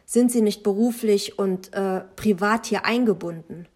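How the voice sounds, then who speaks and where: A woman voicing a reserved man who speaks calmly and measuredly in an audiobook. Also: mid-range voice, a little slow, close to an everyday voice. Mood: curious. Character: calm reserved man with dark velvety voice.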